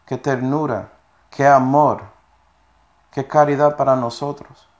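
A man's voice: mid-range voice, steady tone, takes it slowly. Man preaching a sermon, checking in often. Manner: checks in with listeners with frequent tag questions; reads scripture verses aloud between explanations.

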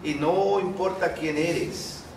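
A man's voice: fairly high pitch, takes it slowly, noisy background. A man preaching a sermon to a congregation. He acts out the lines he quotes and keeps quizzing his listeners. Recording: echoey hall, voice far from mic.

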